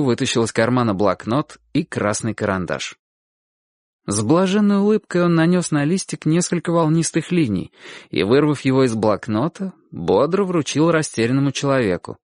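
A man narrates a literary story in scripted audiobook style, expressive and vivid. His pitch moves freely and widely through each sentence. The sound is close and dry, with no room echo. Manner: expressive storytelling, acts out quoted shouts.

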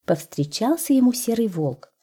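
A woman reading a fairy tale aloud in an expressive, sing-song storyteller's manner. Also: on the high side, normal speed, husky.

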